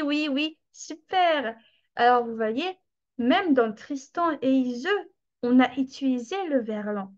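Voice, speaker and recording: A woman leads an online French lesson, taking her time over each example. Her voice sits high and she speaks slowly and patiently. The sound is a little muffled, like a video-call mic. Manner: slow, patient explaining with drawn-out examples. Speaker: French teacher.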